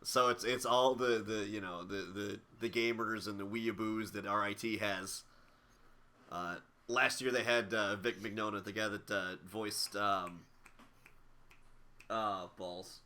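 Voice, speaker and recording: A young man co-hosting a podcast in casual chat, halting and repeating words while he searches for names. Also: lowish voice, fairly even intonation, sharp tone, a little hiss or hum. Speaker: podcast co-host.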